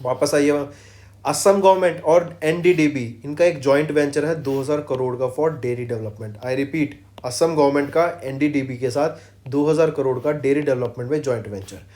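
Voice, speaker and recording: A man teaching an exam-prep current affairs lesson, switching between Hindi and English, quizzing students with quick questions and answering them himself. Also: mid-range voice, a little mellow. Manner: drills facts with quick quiz questions and repeats, mixing English phrases into Hindi; slows right down to read English lines word by word.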